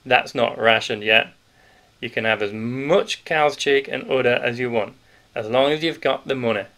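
A man with a medium-pitched, fairly bright voice, close to his everyday speech, talks at a moderate pace. He voices a stout, sly, cheerful wartime grocer with a Yorkshire accent, sounding knowing and conspiratorial in a jovial mood.

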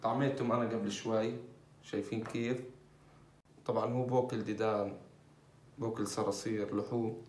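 A man's voice: fairly low pitch, level tone, brisk, long pauses, darkish tone, far from the mic, a little hiss or hum. Chatty man, echoey and off-mic. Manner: chatty, many fillers, talks while handling birds. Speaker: bird keeper vlogger. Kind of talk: casual informative vlog. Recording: echoey, off-mic with faint ambience.

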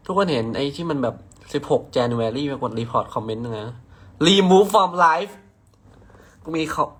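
Slow-talking playful young man. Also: medium pitch, fairly bright tone, slight background noise. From Nakhon Si Thammarat, southern Thailand. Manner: playful, teasing, casual swearing, drawn-out words. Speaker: live-stream host. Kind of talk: casual live-stream chat reading viewer comments. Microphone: phone.

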